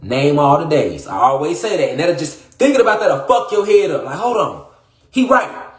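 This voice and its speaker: A man's voice: on the high side, lively intonation, moderate pace. A man talking straight to his listeners in a casual monologue, emphatic and profane, repeating his points again and again. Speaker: social media commentator. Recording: echoey room.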